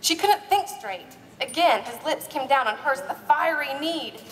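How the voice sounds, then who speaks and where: Performing live at a bar party, a woman narrates and presents a romance parody as a dramatic reading, theatrical and playful. Her high, expressive voice moves at a normal speed over music, captured by a distant mic in an echoey live hall.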